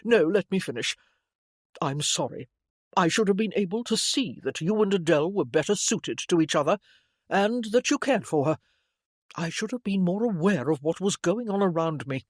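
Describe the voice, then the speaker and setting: A narrator voices an earnest young gentleman from a period novel, speaking formally and with emphasis, confessional and quick to indignation. His pitch moves in a lively way at a normal speed, and the lightly acted delivery is calmer in mood. The sound is close and dry, with no room sound.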